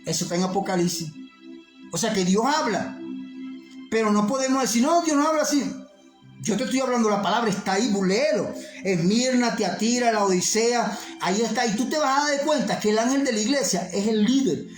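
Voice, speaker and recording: A man's voice: high voice, fairly quick. A man preaching an earnest, insistent sermon, repeating his points. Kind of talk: fervent sermon. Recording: roomy echo with faint music.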